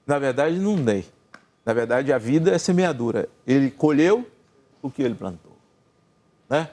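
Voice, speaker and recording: An older Brazilian man telling a long personal story in casual chat, acting out the dialogue with lively swings in his voice. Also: mid-range voice, normal speed. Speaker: gospel singer and senator telling a story.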